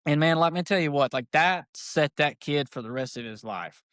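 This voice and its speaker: Animated man telling stories. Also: on the high side, normal speed, no echo, studio quality. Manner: animated, folksy, says "dude" a lot. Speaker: archery shop owner, podcast guest. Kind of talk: casual storytelling chat.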